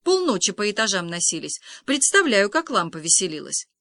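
A woman's voice: mid-range voice, big pitch swings, fairly quick, fairly bright tone, no room sound. A woman reading the part of an indignant, grumbling teenage girl.

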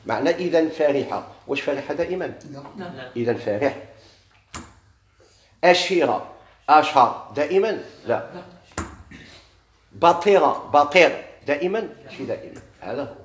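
A man with a Moroccan Arabic accent teaching a classroom grammar lesson. He keeps quizzing his students and slowly draws out each example word. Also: fairly high pitch, animated, echoey room, a little hiss or hum.

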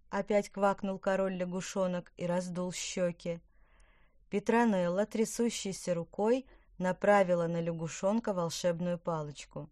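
A woman narrating a children's storybook in an even, clear manner. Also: on the low side, no room sound, studio quality. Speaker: audiobook narrator. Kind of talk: scripted narration.

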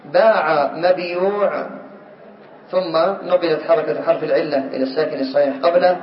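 A man teaching a class, quizzing his students and calling on them, slowly repeating key words. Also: on the high side, steady tone, slight background noise. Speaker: teacher of Arabic morphology. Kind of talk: classroom lecture. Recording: distant, roomy, dull lo-fi recording.

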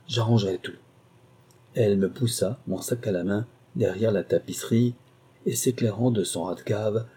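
A male audiobook narrator telling a first-person story. His voice is dark and husky and sits fairly low, and his delivery is measured and dramatic. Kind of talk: scripted narration.

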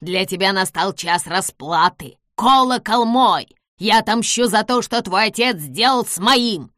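A woman voicing a vengeful, gloating little old man who shouts and cackles in an audiobook. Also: mid-range voice, normal speed, dry recording, studio quality, close to an everyday voice.

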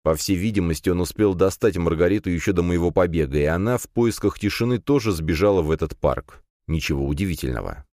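A man's voice: deep voice, fast talker, hardly any pauses, darkish tone, dry recording, studio quality. A man reading an audiobook in the first person, with a wry, grumbling delivery. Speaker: audiobook narrator.

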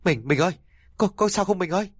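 A man voicing a desperate, quick-tempered old man who pleads and shouts in a strained, raised voice. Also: mid-range voice, expressive, breathy edge, no echo, clean studio sound. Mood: panicked.

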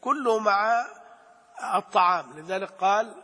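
Male tajweed teacher, slow and repetitive, chants verses; breathy voice in a reverberant hall. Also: sits high, lively intonation, sharp tone. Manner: slow, repeats key phrases, chants verses. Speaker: Quran recitation teacher. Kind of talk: religious lesson on tajweed.

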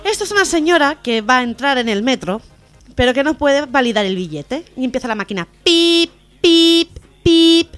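Woman, radio comedy co-host, lively joke-telling, acts out voices, raised pitch. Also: fast, soft background music. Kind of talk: casual radio chat telling jokes.

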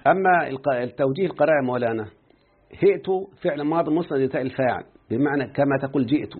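A man with an Egyptian Arabic accent teaching a grammar lesson, who keeps quizzing his student and slowly repeats words. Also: medium pitch, husky. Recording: tinny phone-like line.

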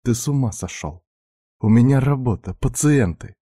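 A man voicing a tired, sharp-tongued young woman who is a doctor and a witch, snapping back indignantly. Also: medium pitch, lively intonation, normal speed, no room sound, studio quality, pitched above the performer's own voice, close to an everyday voice.

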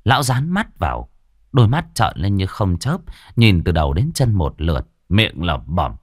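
A man narrating an audiobook story in an expressive, colloquial way. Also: low voice, normal speed, no echo, clean studio sound.

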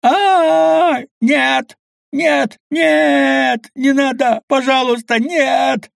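A man's voice: on the high side, expressive, a little slow, vocal fry, darkish tone, no room sound, clean studio sound, voice pushed up, full character voice. A man voicing a cowardly grandstanding fisherman. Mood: screaming panic. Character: cowardly scheming male fisherman, grandstanding traitor.

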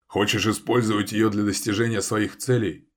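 A man voicing a gruff middle-aged boss father, barking, scornful, deep voice, audiobook. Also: flat delivery, normal speed, lightly acted. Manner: barking orders, growling.

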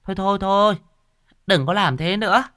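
A man voicing a shrill, bossy middle-aged female village medium who talks down to people. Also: brisk, sharp tone, dry recording, clean studio sound. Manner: brusque, scolding, self-important.

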